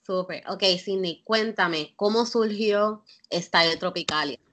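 A woman's voice: mid-range voice, slow, fairly bright tone, slight background noise. A woman interviewing a guest in a casual chat, mixing in English words. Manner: friendly, mixes in English words.

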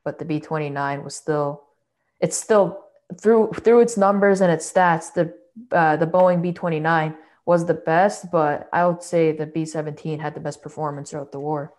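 A woman's voice: sits low, fairly even intonation, normal speed, a little mellow. A woman in a casual group discussion, often stumbling and repeating words as she starts. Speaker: discussion participant.

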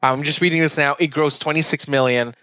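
A man hosting a casual movie chat, chatty and steering the talk with quick asides. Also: fairly high pitch, fairly even intonation, bright, forceful tone, smooth, no room sound. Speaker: podcast host.

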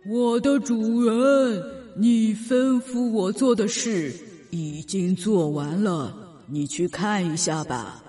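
Woman doing a slow, solemn lamp genie. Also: mid-range voice, dark tone, faint music behind, lightly acted. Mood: dutiful. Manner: slow, measured, deliberate. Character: solemn male lamp genie, obedient servant. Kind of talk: storybook reading.

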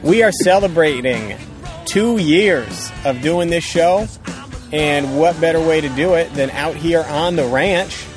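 Out on a ranch with music playing, a man co-hosting a casual podcast keeps the banter informal, upbeat and profane while working in sponsor plugs. His pitch is fairly high, and he speaks in an unhurried way.

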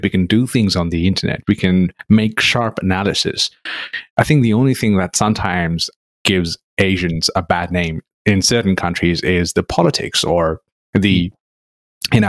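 A man's voice: deep voice, no echo, clean studio sound. A man from Nepal hosting a podcast, chatting in an agreeable way. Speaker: podcast host. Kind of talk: casual conversation.

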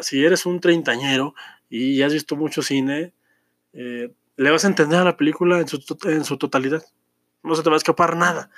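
A man's voice: medium pitch, a bit bright, no echo, clean studio sound. A man, giving a chatty, enthusiastic film review with many fillers and restarts. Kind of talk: casual film review monologue.

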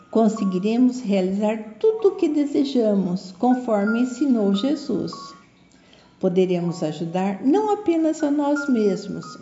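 Older Brazilian woman, children's storyteller, gentle and didactic, very soft dark tone, echoey room. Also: a little high, highs cut off. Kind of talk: scripted children's story narration.

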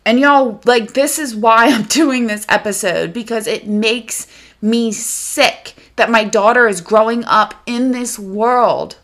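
A woman tells a story on her podcast, animated and indignant and cursing freely. Her voice sits a little high and rings bright and forceful. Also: takes it slowly. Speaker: podcast host. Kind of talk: casual storytelling monologue.

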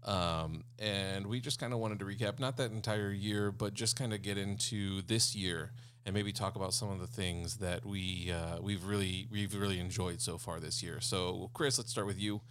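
A man's voice: deep voice, fairly even intonation, normal speed, hardly any pauses, a bit bright, slight background noise. A man co-hosting an entertainment podcast in casual chat, talking eagerly and earnestly with frequent fillers. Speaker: podcast co-host.

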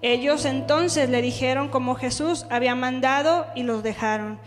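High-voiced woman preaching in a hall. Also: normal speed. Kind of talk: sermon with Bible reading and prayer. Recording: reverberant hall, faint music behind.

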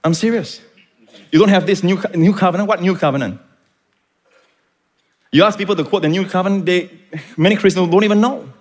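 A man's voice: high-pitched, fairly quick, long pauses. Impassioned man preaching. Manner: impassioned, rising to shouts; teaching, explains Greek words. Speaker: pastor. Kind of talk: sermon.

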